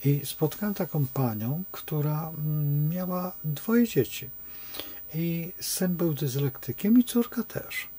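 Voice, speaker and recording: A man's voice: fairly high pitch, animated, takes it slowly, dark tone, breathy edge. A man speaking as an astrologer in an unscripted monologue, rambling and digressive as he tells stories.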